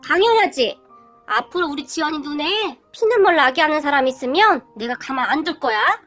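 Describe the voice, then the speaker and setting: A woman's voice: high voice, lively intonation, normal speed, fairly bright tone, soft background music. A woman voicing a fiery, outspoken middle-aged mother-in-law who scolds indignantly.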